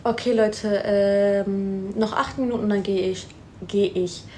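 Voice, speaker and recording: Young woman, casual livestream chat, close phone mic, faint low rumble. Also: steady tone, slow, dark tone. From Afghanistan. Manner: chatty, switches between German and English, reads comments aloud and answers. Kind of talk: casual livestream chat reading viewer comments. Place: indoor room at home. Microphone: phone held close, front camera.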